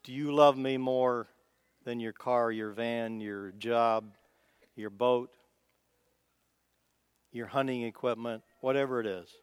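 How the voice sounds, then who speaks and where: A man's voice: mid-range voice, fairly even intonation, slow, pauses often, clean tone, no room sound, studio quality. A man with a Midwestern accent giving an informal, folksy sermon, thinking aloud as he goes. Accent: Midwestern American. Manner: folksy, conversational, thinking aloud with small restarts. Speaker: preacher.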